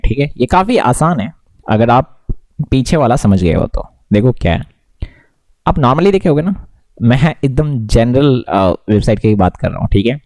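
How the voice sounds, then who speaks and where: A man's voice: medium pitch, darkish tone, no room sound. A man giving a casual screen-recorded coding lesson, mixing English tech words into his talk and often checking whether the viewer follows. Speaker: coding tutor.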